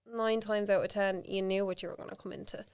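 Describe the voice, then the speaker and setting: A candid Irish woman talks as a podcast guest, her voice smooth and resonant. She tells personal stories frankly and chattily, peppering them with "like" and the odd curse. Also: medium pitch, level tone, a little fast. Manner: candid, frank storytelling with casual swearing; chatty, lots of fillers like "like". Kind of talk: casual conversation.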